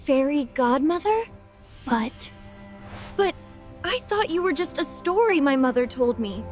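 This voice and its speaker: A woman voicing a gentle, hopeful young Cinderella who speaks in a soft, earnest, pleading storybook manner, with music playing behind. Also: sits high, expressive, unhurried. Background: orchestral music.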